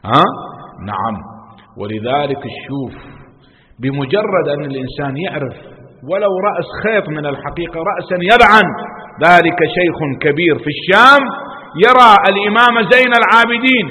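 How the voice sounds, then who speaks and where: A man with an Iraqi Arabic accent preaching an impassioned religious sermon. He keeps asking his listeners questions and swings between loud and soft. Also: fairly high pitch, animated, a little fast. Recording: long hall reverb.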